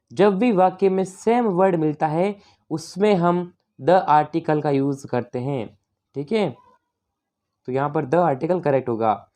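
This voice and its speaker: A woman online tutor works her way through an exam paper question by question. Her voice sits fairly low, with a warm, relaxed tone. She talks in a loose, chatty way, keeps turning to her viewers, and reads each English question slowly and with care.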